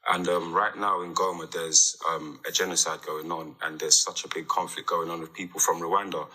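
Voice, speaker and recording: A man's voice: low voice, sharp tone, breathy edge, low-quality recording. A man from Congo, an audience member at a public event, pressing a minister with an insistent question.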